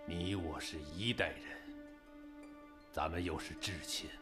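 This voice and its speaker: A man playing an aging emperor in a historical drama, speaking calmly and in a measured way, then firmly about his duty. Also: deep voice, music in the background. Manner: calm, measured, soothing then firm. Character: powerful aging emperor, calm and resolute.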